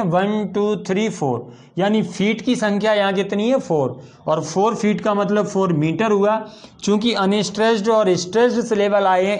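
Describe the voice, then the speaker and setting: A man teaching English poetry meter in a patient, methodical way, counting out stressed and unstressed syllables step by step. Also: high voice. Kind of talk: explanatory lesson.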